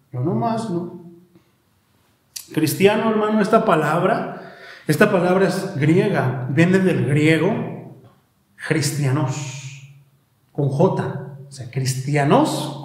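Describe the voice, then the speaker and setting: A man with a Mexican Spanish accent preaching a sermon in an emphatic way, asking rhetorical questions and shifting his pace. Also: a little high. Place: church hall. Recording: very echoey church hall.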